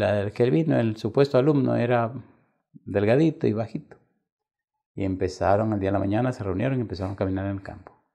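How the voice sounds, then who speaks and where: A man preaching a sermon as a pastor, telling stories dramatically and swinging between loud emphasis and hushed near-whispers. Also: mid-range voice, creaky.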